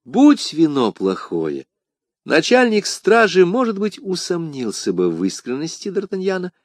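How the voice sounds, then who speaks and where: A man narrating an audiobook in an expressive, scripted storytelling manner. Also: on the high side, measured pace, no room sound, clean studio sound.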